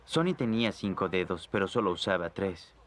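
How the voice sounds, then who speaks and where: A man playing an adult narrator who recalls his boyhood in measured film voice-over. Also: sits low, animated, slight background noise. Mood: nostalgic.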